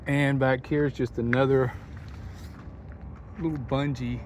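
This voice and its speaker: Faint wind and highway noise sits behind a man talking outdoors. He has a medium-pitched voice and chats casually as he works through a do-it-yourself job. His manner is folksy, as if thinking out loud. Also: flat delivery, unhurried. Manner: folksy, thinking aloud while working. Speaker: vlogger. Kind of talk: casual do-it-yourself vlog narration. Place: outdoors beside a van near a highway, windy. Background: wind and interstate traffic.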